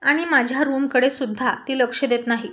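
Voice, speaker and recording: A woman's voice: high-pitched, fairly even intonation, a little fast, fairly bright tone. A woman voicing a young girl complaining about her mother. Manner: whiny, complaining.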